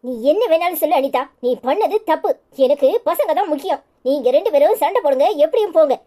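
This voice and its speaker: A woman voicing a sharp-tongued woman in a cartoon who scolds firmly, with a Tirunelveli Tamil accent. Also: sits high, expressive, fast talker. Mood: scolding.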